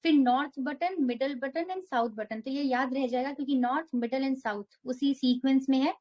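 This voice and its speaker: A woman's voice: high-pitched, normal speed, darkish tone. A young woman teaching an exam prep geography lesson, walking through a map step by step and mixing English terms into her Hindi.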